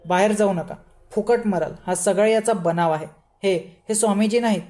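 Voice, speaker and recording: A shrewd older man speaks firmly and sensibly, explaining his reasoning step by step. A woman reads him aloud. Her voice is mellow and soft. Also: medium pitch, moderate pace, close to an everyday voice. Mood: urgent. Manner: firm, level-headed, explaining. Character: shrewd, calm older man, devoted disciple.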